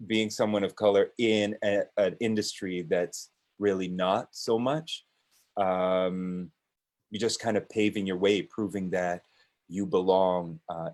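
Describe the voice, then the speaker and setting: A man's voice: deep voice, level tone, unhurried, darkish tone. A man speaking as a business owner and guest on a panel discussion, hesitant and full of restarts. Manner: hesitant, with many restarts and fillers.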